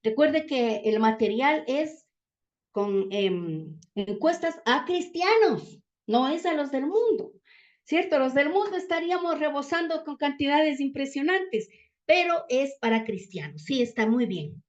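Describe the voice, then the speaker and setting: Heard through dull, lo-fi audio, a church teacher from Ecuador delivers a Bible teaching, repeatedly checking on her listeners with rhetorical questions. Her voice sits high, with lively intonation and a measured pace.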